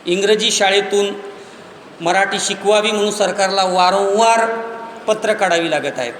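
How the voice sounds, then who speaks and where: A man giving a public lecture, explaining through lists of examples and rising to near-shouts on key points. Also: high-pitched, normal speed, slight background noise. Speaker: speaker on Marathi language and literature. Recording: echoey hall, slightly far off.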